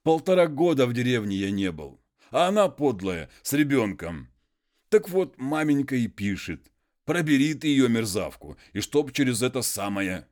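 A man doing a high, pleading peasant. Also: sing-song, a little mellow, natural voice. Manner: folksy, drawn-out pleading speech.

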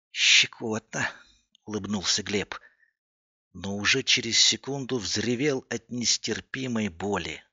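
A man reading a scripted horror story in a steady voice that builds suspense. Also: on the low side, vocal fry, breathy edge, dull audio. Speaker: narrator.

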